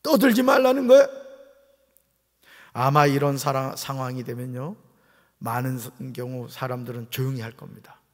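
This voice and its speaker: A man's voice: medium pitch, normal speed, long pauses. A male pastor preaching a sermon with emphatic delivery, pulling call-and-response from the congregation. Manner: emphatic preaching, rising to shouts, drawing replies from the congregation. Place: church sanctuary. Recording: reverberant church sanctuary.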